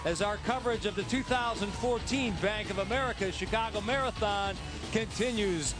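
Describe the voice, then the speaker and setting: Male race commentator, high voice, live anchor delivery, music underneath. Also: normal speed. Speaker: sports anchor. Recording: broadcast with music behind. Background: clear music.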